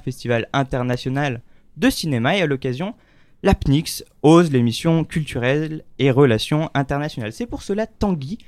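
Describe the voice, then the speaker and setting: A man's voice: mid-range voice, darkish tone, no echo. French radio host man, friendly studio voice. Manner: friendly, introduces guests with small stumbles and laughs. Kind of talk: radio talk show hosting.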